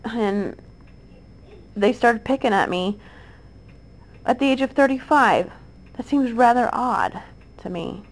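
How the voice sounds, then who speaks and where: A woman's voice: a little high, vocal fry, rough recording. A woman in her thirties speaking straight to the camera, aggrieved and insistent, repeating herself with many restarts and fillers. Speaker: mother addressing accusers. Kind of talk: direct-to-camera monologue.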